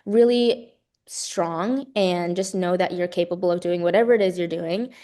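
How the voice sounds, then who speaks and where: A woman's voice: lowish voice, normal speed, mellow. A young adult woman, a college gymnast, speaking in an earnest, effusive and emphatic way as the guest in a casual interview.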